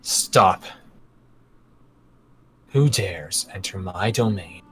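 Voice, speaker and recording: A man's voice: sits low, expressive, drawn-out words, fairly bright tone, slight background noise, exaggerated voice. A man voicing a cold, venomous, commanding spirit lady in a tabletop game. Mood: cold threat. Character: cold, menacing spirit lady guarding her glassy domain.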